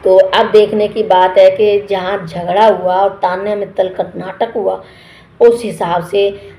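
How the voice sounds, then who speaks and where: A woman with a mellow, warm tone talks through a TV episode as a casual reviewer. She retells events in a chatty, loose way, full of fillers and restarts. Her voice carries a roomy echo. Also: medium pitch. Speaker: TV show reviewer.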